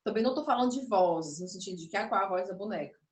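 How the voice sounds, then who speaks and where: Rapid-fire and expressive, her mid-range voice moves through an online puppetry lesson as she explains, demonstrates and stops herself partway through sentences, a little nervous. She is recorded from a distance in an echoing room.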